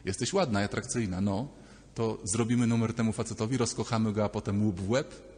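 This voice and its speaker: A man's voice: on the low side, fairly even intonation, fairly quick, darkish tone, in a large hall, voice pushed down, close to an everyday voice. A man doing a scheming inner little girl. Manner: coaxing, conspiratorial.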